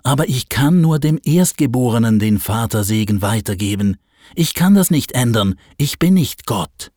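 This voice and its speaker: A man's voice: mid-range voice, lively intonation, moderate pace, warm tone, no echo, studio quality, natural voice. A man voicing a stern, frail, blind old father in a Bible story. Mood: firm. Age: older.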